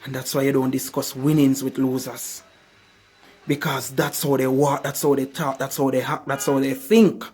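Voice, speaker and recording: A man giving a motivational speech, with emphatic, repetitive rhetorical questions and slow, drawn-out stresses on key phrases. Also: medium pitch, flat delivery, darkish tone, breathy edge. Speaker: motivational speaker.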